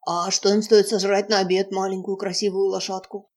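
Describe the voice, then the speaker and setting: A woman's voice: flat delivery, a little fast, a little mellow, natural voice. A woman voicing a timid little female war horse in an audio fairy tale, anxious and fretful. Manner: anxious, fretful, shrill warnings. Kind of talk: storybook reading.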